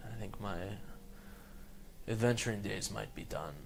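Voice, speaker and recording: A man voicing a gruff, weary male ranger recovering from wounds, speaking bluntly in a tabletop game. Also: fairly low pitch, unhurried, slight background noise.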